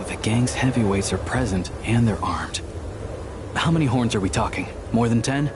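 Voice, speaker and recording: An actor playing a sly, unflappable outlaw hunter in a video game, with a wry, nonchalant, conversational delivery. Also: male voice, medium pitch, noisy background, close to an everyday voice. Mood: calm, focused. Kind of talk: scripted video game voice acting. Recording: music behind the voice. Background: music.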